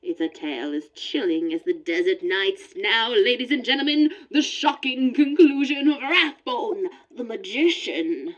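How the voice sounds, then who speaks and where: A woman's voice: a little high, measured pace, hardly any pauses, dull audio. A woman announcing an old radio mystery serial with dramatic, ominous delivery. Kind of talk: 1940s radio acting.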